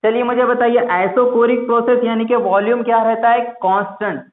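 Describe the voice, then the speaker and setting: A man's voice: extremely high pitch, little pitch movement, normal speed. A male teacher gives a classroom lecture. He keeps asking the class questions and then answers them himself. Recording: echoey room over a tinny, phone-like line.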